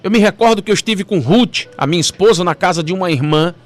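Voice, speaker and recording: A male pastor delivers a sermon. His preaching swings between forceful, climbing emphasis and hushed, stretched-out phrases. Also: high-pitched, soft background music. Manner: dramatic preaching, rising to emphatic peaks and dropping to soft, slow phrases.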